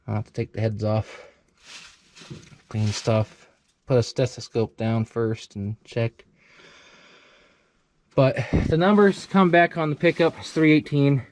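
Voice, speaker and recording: A man's voice: mid-range voice, slow pace, long pauses, darkish tone. Rambling man musing about an old truck. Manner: rambling, thinking aloud with many fillers. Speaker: channel host. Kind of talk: casual vlog commentary.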